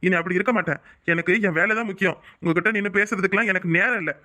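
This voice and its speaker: Brief: a betrayed cartoon head of the house, Kanyakumari Tamil accent, lecturing and bitter, very high and quick. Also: male voice, sharp tone. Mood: stern. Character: angry betrayed elder brother, middle-aged man. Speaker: head of the family. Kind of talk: cartoon voice acting.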